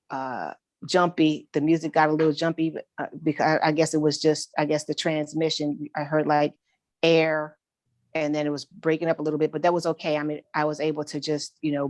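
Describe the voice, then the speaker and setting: A woman with a low, steady voice that barely rises or falls talks slowly about her experience to a meditation group. She rambles a little and reflects as she goes. The sound is dry and close, from a video call mic. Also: dry recording. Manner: slow, reflective, loosely rambling.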